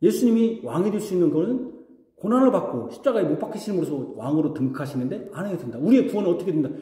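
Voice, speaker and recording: Animated Korean pastor in an echoey church. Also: male voice, sits high, rapid-fire. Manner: conversational, asks the congregation questions and acts out mocking voices. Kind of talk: sermon. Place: church sanctuary. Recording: echoey hall reverb.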